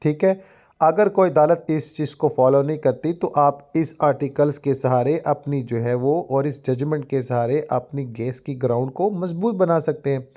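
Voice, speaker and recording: Speaking at a moderate pace in a mellow, high-leaning voice, a man with a Pakistani accent who makes law education videos delivers a lecture-style explanation and reads from a judgment. His formal Urdu is sprinkled with English legal terminology.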